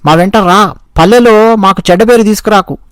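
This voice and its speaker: A man's voice: high-pitched, fairly quick, dry recording, natural voice. A man voicing a group of young male hunters who insistently urge their friend to get up and come home. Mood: worried. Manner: insistent, urging.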